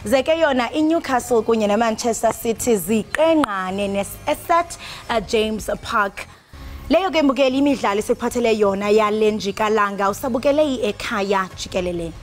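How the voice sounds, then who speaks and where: Woman, Xhosa accent, fairly high voice, scripted sports news, music underneath. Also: moderate pace. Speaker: sports presenter. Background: music bed.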